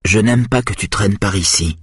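A calm, resolute mother, as a man reading aloud plays her. The voice sits above his natural low register and keeps a slightly husky, dry close sound. She speaks evenly and firmly. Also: normal speed, no echo. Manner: calm, firm. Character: determined mother, calm and firm.

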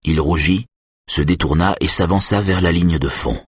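Brief: male audiobook narrator, calm and measured, very deep register, dry close-miked sound. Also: breathy edge, no echo. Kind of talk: scripted first-person narration.

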